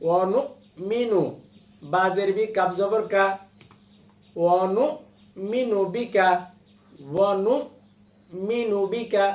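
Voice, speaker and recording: A man with a Bangladeshi accent gives a Quran recitation lesson in a slow, deliberate drill, sounding out each letter and syllable again and again. His voice sits high and carries a roomy echo. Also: steady tone, darkish tone. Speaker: Quran teacher. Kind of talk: recorded recitation lesson, spelling out Arabic letter by letter.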